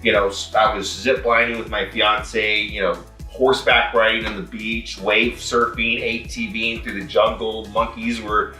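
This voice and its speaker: An excited man from Mexico rambles through his testimonial, full of fillers. His voice is low-pitched and sharp. He sounds set back from the mic in an echoey room, with music underneath. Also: unhurried, recorded from a distance. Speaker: customer testimonial. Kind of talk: casual testimonial.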